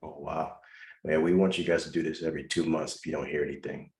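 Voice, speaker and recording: A man's voice: extremely low pitch, flat delivery, fast, darkish tone, echoey room. A man hosting a video-call Q&A, giving instructive advice to callers and stressing his points by repeating them. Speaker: host answering caller questions.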